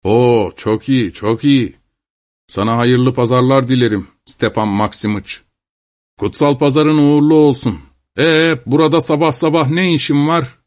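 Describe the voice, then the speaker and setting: A man's voice: mid-range voice, a little slow, natural voice. A man voicing a jovial tavern drunk. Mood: mock-polite.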